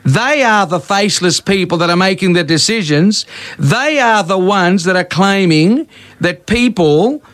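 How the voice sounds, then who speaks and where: A man's voice: high-pitched, expressive, unhurried, a bit bright. A blunt, indignant man from Greece, ranting heatedly on talkback radio.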